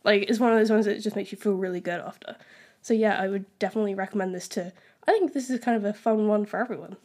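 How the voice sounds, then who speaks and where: A woman's voice: mid-range voice, fast, darkish tone. A young woman co-hosting a casual film chat, chatty and upbeat, with frequent fillers and giggles. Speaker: podcast co-host. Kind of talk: casual chat about films.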